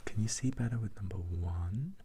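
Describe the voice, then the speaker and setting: A man doing an ASMR role-play as an ASMR performer, repeating instructions and questions as he shifts between soft voice and soft low voice. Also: normal speed, slightly rough. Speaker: ASMR performer giving mock eye tests.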